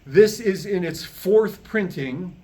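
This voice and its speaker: At a podium on stage, a master of ceremonies aged 60 or more gives a folksy, humorous, informal introduction to a show, trading remarks with a small live audience. His voice is high-pitched yet dark in tone, expressive and slow.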